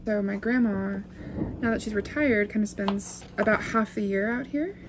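A young woman vlogs casually from a small wooden cabin, chatting in a self-reflective way and laughing often as she talks. Her voice is mid-range and her pace moderate, with background noise in the recording.

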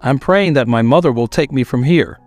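A man reading the lines of a lonely six-year-old boy in a plain, even way. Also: medium pitch, moderate pace, dry recording, faint music behind, lightly acted. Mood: sad.

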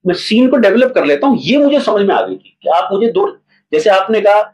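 A playwright and theatre director chats casually in an interview, telling stories with animation and acting out little examples. His husky voice sits high and moves fairly quickly. The audio is poor.

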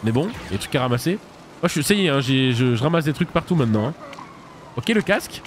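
A man streaming a video game live, chatting casually with viewers and reacting loudly as he plays, laughing often. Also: medium pitch, sing-song, fast, slight background noise. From France. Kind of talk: casual live gameplay commentary.

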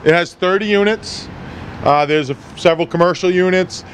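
Middle-aged man, slightly high voice, guiding a street tour with a handheld mic, faint traffic around. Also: normal speed. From New England. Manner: loose, figure-heavy explaining with fillers. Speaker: tour guide. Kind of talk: outdoor walking tour talk. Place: outdoors on a town street. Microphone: handheld mic, filmed by a nearby camera. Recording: faint street noise outdoors.

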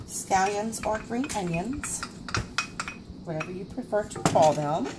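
With a noisy kitchen behind her, a woman in her forties chats through her casual home cooking show, captured on a camera mic. Her voice is low-pitched, and she leans on fillers and jokes at her own expense.

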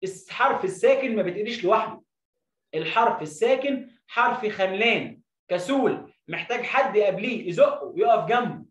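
High-voiced Egyptian teacher, roomy lo-fi recording. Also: male voice, animated, a bit bright, distant mic. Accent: Egyptian Arabic. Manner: drawn-out syllable-by-syllable drilling. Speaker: Arabic teacher. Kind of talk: explaining a reading lesson. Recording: roomy, dull lo-fi sound.

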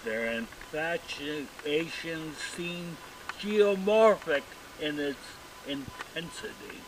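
Man, poet, poetry recitation, very slow and deliberate, distant mic, outdoor traffic ambience. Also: a little high. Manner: very slow, deliberate, dramatic reading.

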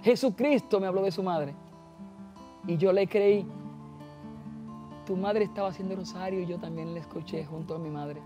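High-voiced man giving an earnest testimony. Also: normal speed, pauses often, over music. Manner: earnest preaching tone, addresses listeners as brothers. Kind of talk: personal faith testimony.

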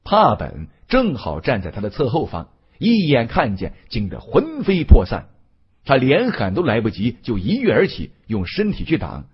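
A man reading a fantasy audiobook in scripted narration with an expressive, dramatic delivery. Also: mid-range voice, normal speed, husky, dull audio.

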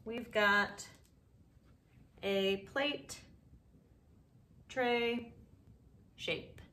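Slow, bright-voiced woman teaching pottery. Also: a little high. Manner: calm, step-by-step explaining while working. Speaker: ceramics teacher. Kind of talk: instructional craft demonstration.

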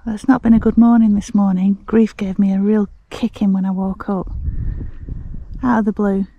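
A woman's voice: medium pitch, flat delivery, dull audio, a little hiss or hum. A middle-aged woman vlogging casually as she walks outdoors by the sea, chatting and reading an information sign aloud. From Scotland. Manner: chatty, reads a sign aloud at an unhurried pace. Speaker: travel vlogger. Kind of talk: casual vlog chat. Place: outdoors on a windy clifftop and fields by the sea.

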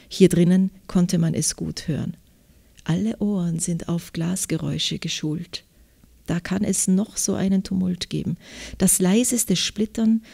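An Austrian woman author speaks in a measured, reflective way with frequent pauses. Her voice sits low and has a gravelly, fry-laden texture. Its tone is dark and mellow. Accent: Austrian German. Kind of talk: interview answers and literary reading.

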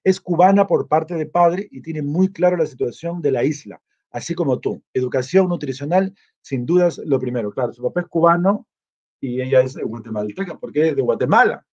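Chatty man with a husky voice. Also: on the high side, moderate pace, darkish tone. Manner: rambling and chatty, reads comments aloud and reacts. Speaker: travel vlogger reading live chat. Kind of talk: casual livestream chat. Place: indoors, in Lima. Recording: dull lo-fi sound.

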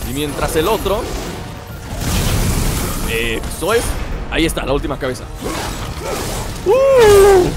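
A man's voice: on the high side, very animated, normal speed, long pauses, over loud music. A man with a Mexican accent giving playful, chatty gameplay commentary and teasing the enemies on screen. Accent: Mexican Spanish.

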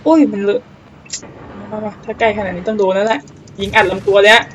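A man giving casual let's-play commentary on a naval battle game, excitable, swearing casually and exclaiming often. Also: sits high, fast, rough recording.

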